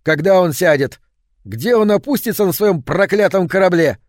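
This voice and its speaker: A man's voice: on the high side, animated, normal speed, no room sound, studio quality, lightly acted. A man playing a jealous, furious Martian husband. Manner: loud, stern, raising his voice.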